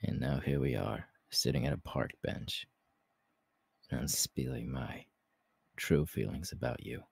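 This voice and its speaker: Very deep, gravelly Hawks, romantic ASMR man acting. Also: darkish tone, dry recording, full character voice. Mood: tender, confessing. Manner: intimate, halting, breathy laughs and sighs. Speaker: voice actor, ASMR artist. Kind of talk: romantic ASMR audio roleplay.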